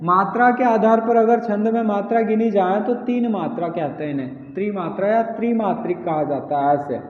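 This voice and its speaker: A man with a high-pitched voice speaks at a normal speed while teaching a grammar lesson, posing questions to the class and answering them himself and repeating key words. The recording sounds tinny and phone-like, with the echo of a large hall.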